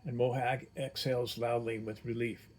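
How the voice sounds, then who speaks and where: Husky-voiced male fantasy narrator. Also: medium pitch, little pitch movement. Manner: measured storytelling, voices all characters. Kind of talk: scripted narration of a fantasy story.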